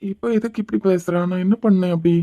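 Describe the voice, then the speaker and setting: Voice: medium pitch, fairly even intonation, mellow, no room sound, natural voice. A voice actor playing a bewildered young husband in a cartoon, pleading with his crying wife. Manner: confused, pleading, quick-talking.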